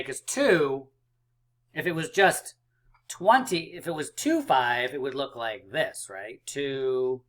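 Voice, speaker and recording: A man's voice: medium pitch, pushed and bright. A man teaching a math lesson to young children, upbeat and chatty with lots of fillers. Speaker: math coach.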